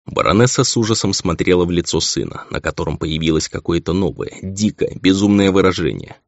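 A man narrating a dramatic audiobook with expressive storytelling, on a dull, lo-fi recording. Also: low-pitched, brisk, vocal fry, no room sound.

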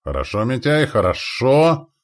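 A man's voice: medium pitch, big pitch swings, measured pace, pitched above the performer's own voice. A man reading a story voicing a fierce male captain who cheers on his crossbowman. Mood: cheering.

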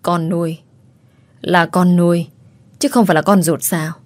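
A woman's voice: fairly low pitch, fairly even intonation, unhurried, dry recording, natural voice. A woman voicing a betrayed, heartbroken young woman who speaks tearfully and pleads, in a storybook reading. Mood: pleading.

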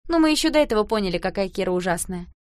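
Woman playing an anxious, high-voiced younger sister. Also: lively intonation, very fast, no room sound, clean studio sound, natural voice. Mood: urgent, anxious.

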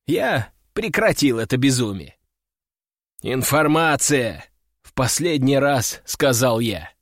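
A man narrating a first-person audiobook story in a wry, measured way. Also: mid-range voice, big pitch swings, dry recording, clean studio sound. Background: faint music.

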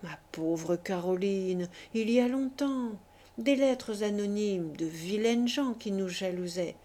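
A woman voicing a gentle, self-effacing older brother who speaks tenderly and softly. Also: medium pitch, slow pace, close to an everyday voice. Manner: tender, soft-spoken.

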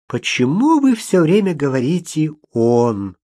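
A man reading an audiobook, voicing a gentle, innocent young woman who speaks softly. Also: fairly high pitch, very animated, a little slow, no echo, clean studio sound, pitched above the performer's own voice. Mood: curious. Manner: soft, mild.

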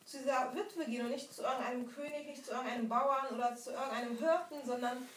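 A woman's voice: sits high, fast, a little hiss or hum. A woman interpreting a sermon phrase by phrase, steadily repeating each line after the preacher. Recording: echoey hall, mic at a distance.

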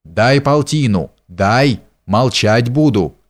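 A man's voice: medium pitch, expressive, takes it slowly. A man voicing a mischievous, devilish boy who taunts a band of robbers, teasing and jeering. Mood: taunting.

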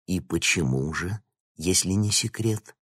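A man voicing a cold, predatory male scientist who speaks in a slow, threatening tone. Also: sits low, animated, a bit bright, husky, no echo, clean studio sound, full character voice. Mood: sly, mocking.

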